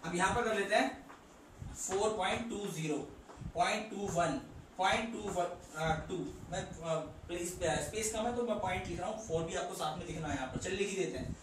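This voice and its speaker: A man's voice: high-pitched, normal speed, slight background noise. A male maths teacher, explaining a problem step by step and counting aloud as he draws on the board. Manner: explains step by step, counts along while drawing, asks rhetorical questions. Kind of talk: whiteboard math lesson. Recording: echoey room from far off.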